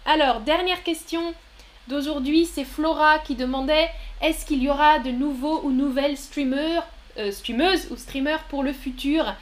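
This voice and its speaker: A woman's voice: high-pitched, measured pace. A woman teaching French on a live stream, patiently explaining grammar with examples and often praising viewers' answers. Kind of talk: live-stream language lesson answering chat.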